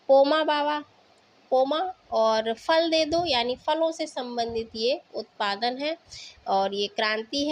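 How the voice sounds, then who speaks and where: High-pitched woman teaching memory tricks. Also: no echo. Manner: explains patiently, with fillers and questions to the viewer. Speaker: exam-prep teacher. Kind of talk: casual Hindi lesson with memory tricks.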